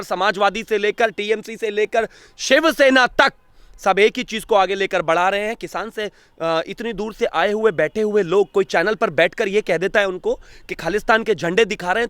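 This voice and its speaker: A man's voice: sits high, fairly bright tone, smooth, dry recording. Agitated man firing rhetorical questions. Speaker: political analyst. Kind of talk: heated political commentary.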